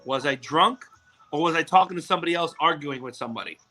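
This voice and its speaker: Fast, bright-voiced man telling stories. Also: fairly high pitch. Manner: animated storytelling, acts out quotes loudly. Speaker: host. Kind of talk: casual chat.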